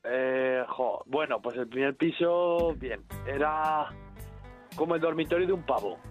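A man's voice: medium pitch, a little slow, faint music behind. A man from Zaragoza calling into a radio show, hesitant and reaching for odd comparisons. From Zaragoza, Spain. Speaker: caller. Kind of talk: phone-in chat.

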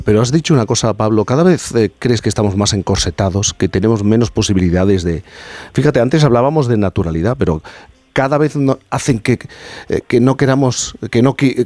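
A man's voice: medium pitch, a little mellow, no echo. A man hosting a radio interview, asking questions and encouraging his guests. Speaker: radio host.

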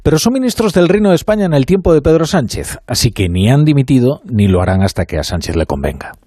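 A radio host from Spain delivering a measured, ironic opinion monologue in a studio, with faint music underneath. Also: male voice, medium pitch, sing-song, warm tone, no echo.

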